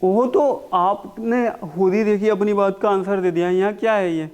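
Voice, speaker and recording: A man teaching a spoken English class, mixing Hindi and English and slowly repeating words for his students to copy. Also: high-pitched, steady tone, darkish tone, clean tone. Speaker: English communication coach.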